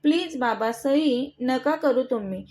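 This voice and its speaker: A woman's voice: high-pitched, a little slow, darkish tone. A woman voicing a brave, defiant young daughter who stands up to a villain and pleads with her father in a storybook reading. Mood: pleading.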